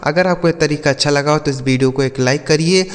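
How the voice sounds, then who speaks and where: A man teaching English spelling to children, sounding letters out slowly and answering his own questions. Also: a little high, smooth, long reverb tail.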